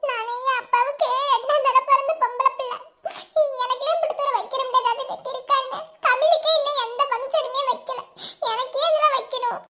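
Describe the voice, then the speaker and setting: A woman voicing a tearful, soft-hearted young wife in a cartoon, sulking and blaming herself in a Madurai Tamil accent. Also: extremely high pitch, heavily acted. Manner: weepy and sulky.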